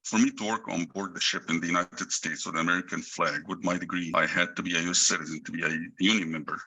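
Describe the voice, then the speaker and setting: A middle-aged man from Egypt, a podcast guest, explaining his career in a measured way with frequent restarts. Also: sits low, fairly even intonation, pushed and bright, husky, low-quality recording. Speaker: guest, engineering executive. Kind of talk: interview answers.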